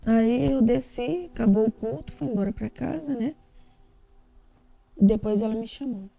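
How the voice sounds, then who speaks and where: A woman's voice: on the high side, a little slow, gravelly, mellow, faint music behind. A Brazilian Portuguese-speaking woman giving an emotional, candid personal testimony in an interview, acting out the dialogue she quotes.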